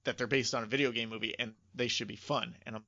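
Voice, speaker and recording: A man with a mid-range voice speaks fast and steadily, sounding pushed and bright in a dry recording. He co-hosts a casual video game movie podcast, sharing emphatic, informal views, with the sound close but slightly dull.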